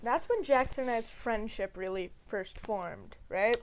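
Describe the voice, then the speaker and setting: A woman's voice: on the high side, unhurried, slight background noise. A young woman hosting a casual, joking podcast recorded in a basement, giggly and sweary. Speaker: podcast host. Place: basement of a family home.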